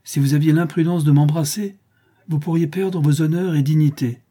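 A man's voice: mid-range voice, moderate pace, dark tone, husky, close to an everyday voice. A man reading aloud and voicing a proud young aristocratic girl who speaks in a mocking, theatrical tone.

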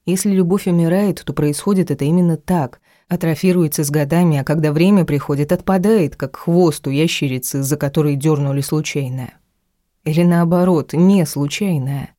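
A woman reading a first-person audiobook in a measured, intimate storytelling manner. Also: low voice, mellow, no echo, clean studio sound. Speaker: audiobook reader.

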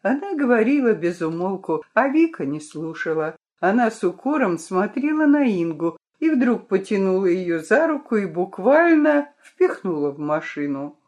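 A woman narrating a children's story in an expressive, dramatic reading. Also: medium pitch, normal speed, few pauses, highs cut off.

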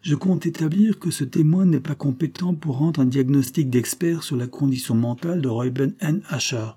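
A man reading a calm, bold trial lawyer. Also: mid-range voice, normal speed, slightly rough, voice pushed up, natural voice. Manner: calm, pointed questioning.

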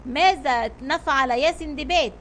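A woman's voice: high voice, normal speed, a bit bright, slight background noise. A woman voicing a loyal, anxious male sailor who calls out to his captain in a children's story. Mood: worried. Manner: anxious calling out. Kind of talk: storybook reading.

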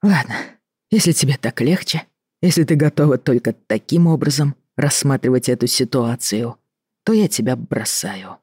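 A reader voicing a tired, fed-up middle-aged doctor in an audiobook, reproachful and measured. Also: mid-range voice, a little mellow, husky, no echo, studio quality, natural voice. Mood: weary. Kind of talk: audiobook reading.

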